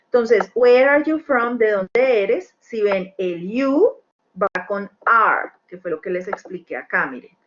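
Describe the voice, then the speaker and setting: A woman's voice: medium pitch, lively intonation, slow pace. A woman teaching a beginner English lesson, explaining step by step and checking in with the class after each point. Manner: patient, checks understanding with tag questions. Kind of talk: recorded screen-share lesson. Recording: dull lo-fi with faint noise.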